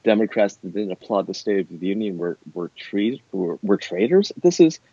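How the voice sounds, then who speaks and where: A middle-aged man, an academic, speaking discursively and thoughtfully in a conversational interview, with hesitant, measured phrasing. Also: on the low side, very animated, dark tone. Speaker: university academic being interviewed. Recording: dull, roomy, echoey sound.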